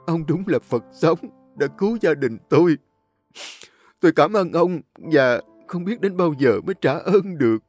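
A man's voice: medium pitch, expressive, normal speed, a little mellow, faint music behind, natural voice. Man doing a humble old farmer. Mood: overwhelmed grateful. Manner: earnest and plain-spoken. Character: poor older male farmer, humble and earnest.

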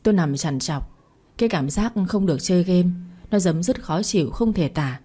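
Low mellow woman narrating a story. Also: lively intonation, moderate pace, breathy edge. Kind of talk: first-person story narration.

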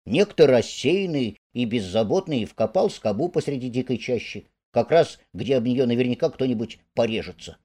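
A man's voice: medium pitch, animated, normal speed, hardly any pauses, mellow, breathy edge. A man voicing a fussy, plaintive male mole who complains and quibbles in a storybook reading. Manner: whiny, pedantic complaining.

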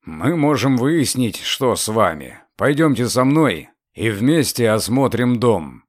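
A man voicing a frightened, secretive old gentleman who speaks slowly in a trembling, pleading way. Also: medium pitch, sing-song, no echo, studio quality. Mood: anxious.

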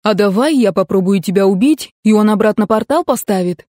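A woman's voice: mid-range voice, lively intonation, fairly quick, dark tone, no echo, clean studio sound, natural voice. A woman reading the part of a sarcastic, teasing young male mercenary in an audiobook. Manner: mocking, joking drawl.

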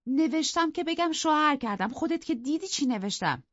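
A man voicing an anxious, defensive young woman in a high, strained voice in an audiobook. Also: lively intonation, fairly bright tone, dry recording. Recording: dry, dull lo-fi recording.

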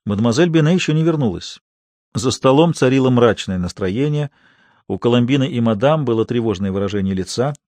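Man, audiobook narrator, measured steady reading, mid pitch, dry close sound. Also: no echo. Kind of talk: scripted narration.

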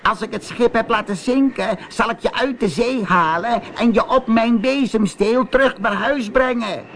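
A man voicing a wicked female sea witch in a shrill, screeching, threatening voice. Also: normal speed, fairly bright tone, slight background noise. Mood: commanding.

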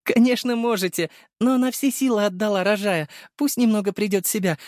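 A man reading an audiobook, voicing a kind young female nurse who speaks softly and reassuringly. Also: sits high, brisk, no echo, clean studio sound, pitched above the performer's own voice, natural voice. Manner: soft, reassuring. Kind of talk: audiobook character voice.

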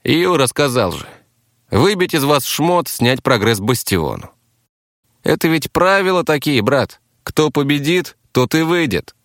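A man's voice: a little high, sing-song, a little slow, a bit bright, dry recording, studio quality, voice pushed up, full character voice. A man voicing a crude, defiant captive gang fighter who swears and blusters. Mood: matter-of-fact. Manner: coarse, swearing, blustering, addresses others as brother.

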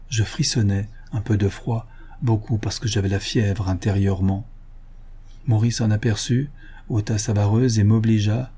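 Man reading an old novel aloud, soft dark tone, bit husky, steady and expressive. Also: on the low side. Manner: measured, expressive first-person storytelling. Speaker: audiobook narrator. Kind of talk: literary audiobook narration.

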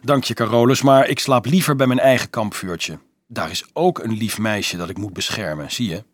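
A man voicing a clever, doubtful teenage boy who talks quickly and earnestly, in a husky voice. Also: no echo, close to an everyday voice. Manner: quick, eager, sometimes shrill.

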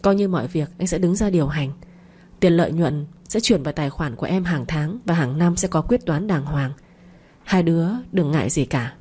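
A generous older brother speaks decisively, settling family matters. A woman narrator reads him in her own husky, dark voice. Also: low voice, moderate pace. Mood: firm. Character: generous elder brother, firm and warm.

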